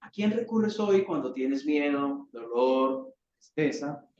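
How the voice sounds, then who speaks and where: A man's voice: medium pitch, expressive, takes it slowly, a little mellow, recorded from a distance. A man with a Colombian Spanish accent preaching a sermon, asking rhetorical questions and acting out cries for help. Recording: roomy, dull church recording.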